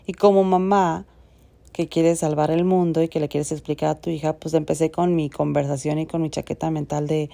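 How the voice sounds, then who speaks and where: A Mexican woman in her thirties hosts a casual podcast, telling a personal story in a frank, chatty way with swearing. Her voice sits low, with a gravelly fry and a dark, mellow tone. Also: flat delivery, normal speed. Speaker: podcast host.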